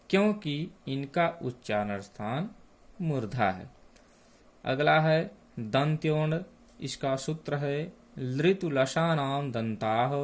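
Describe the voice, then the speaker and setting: Slow, deliberate male teacher. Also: medium pitch. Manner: slow and deliberate, dwelling on each sound. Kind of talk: classroom lesson.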